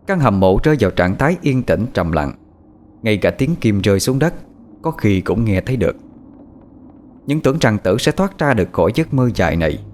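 A man's voice: lowish voice, a little hiss or hum. A man narrating a horror story in a dramatic, scripted manner. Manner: lively, dramatic delivery. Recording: soft background music.

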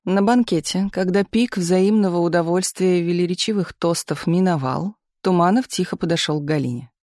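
An audiobook narrator reading a novel aloud. The delivery is even and steady, at a middling pitch. The recording is close and dry, with no room sound. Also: moderate pace, dry recording. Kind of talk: scripted narration.

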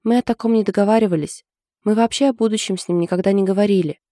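Woman doing lovesick anxious young woman, hesitant and confiding, mellow dark tone, dry close sound. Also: medium pitch, fast, no echo, natural voice.

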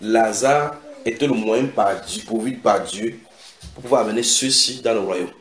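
A man preaching a sermon, retelling scripture dramatically with sudden shouted quotes and direct questions to his listeners. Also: fairly low pitch, moderate pace. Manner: asks the audience direct questions. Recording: echoey room.

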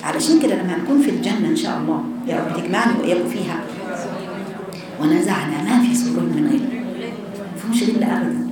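A woman with an Egyptian Arabic accent giving a religious lesson to young women, animated and full of rhetorical questions. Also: on the low side, very fast, pauses often, over a noisy crowd. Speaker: religious teacher. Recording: echoey room, distant mic, background noise.

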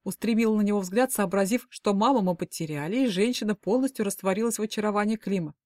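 A woman's voice: mid-range voice, fast, a little mellow, no room sound, clean studio sound. A woman telling an audiobook story in the first person. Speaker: audiobook narrator. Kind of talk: audiobook narration.

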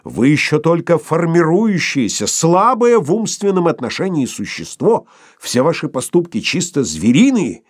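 A man's voice: medium pitch, very animated, moderate pace, darkish tone, breathy edge, no echo, clean studio sound, voice pushed up. A man voicing an older male professor, imperious and irate, lecturing in a thundering way. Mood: furious.

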